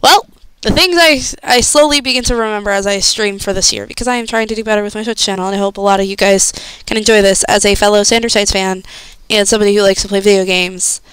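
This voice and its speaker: A woman's voice: medium pitch, quick pace, fairly bright tone, clear, resonant tone, no room sound, poor audio. Chatty young woman streamer, dry sound. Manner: rambling, chatty, thinks aloud with fillers. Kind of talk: casual chat, reacting to a video.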